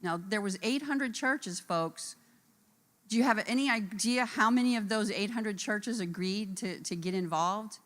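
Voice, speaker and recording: A woman who supports incarcerated women through reentry speaks earnestly on a conference panel, addressing the audience directly in a conference room. Her voice is medium-pitched and fairly bright, and she keeps a measured pace.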